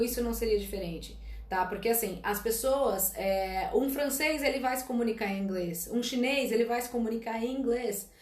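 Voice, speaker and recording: In a reverberant live-stream Q&A, a late-twenties English teacher and former flight attendant from Brazil gives blunt career advice in a fairly high, slightly mellow voice. She speaks directly and emphatically, always checking in with her audience through "tá?" and "gente".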